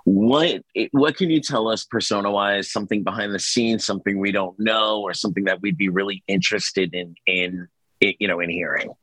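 A man hosting a live podcast, asking his guests questions in a relaxed, prompting way. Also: fairly low pitch, brisk, no room sound. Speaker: podcast host. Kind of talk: live show Q&A.

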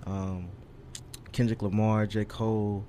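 In a lowish, mellow voice with little pitch movement and a slow pace, this young rapper from California chats as a podcast guest. He recounts his story earnestly but rambles, leaning on ums and you knows; slight background noise can be heard.

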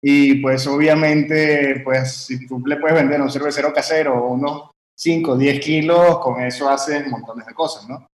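Steady and mid-range, a Venezuelan-born man speaks at a normal pace with few pauses as a guest brewer recounting his story in an interview. He rambles, full of fillers and restarts. Fans run in the warm room, where the recording sounds echoey over a faint background hum.

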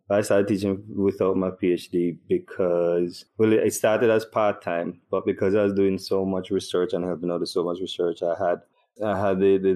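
A man in his thirties with a very deep voice. He chats in a relaxed, easygoing way, often restarting his sentences and laughing easily as a podcast guest. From Trinidad and Tobago. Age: 30s. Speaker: podcast guest, university lecturer. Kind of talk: casual interview chat.

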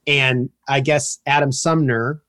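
A man's voice: medium pitch, steady tone, slow, fairly bright tone, smooth, dry recording. Enthusiastic stammering male interviewer. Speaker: podcast host interviewer. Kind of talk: casual interview chat.

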